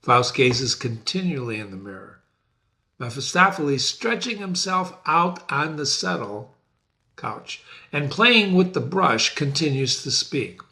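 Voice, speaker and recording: A man reads a stage play aloud at an unhurried pace, now and then adding casual asides to the listener. His intonation is animated and his tone bright and forceful. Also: on the high side, vocal fry. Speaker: reader. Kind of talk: dramatic reading of a play.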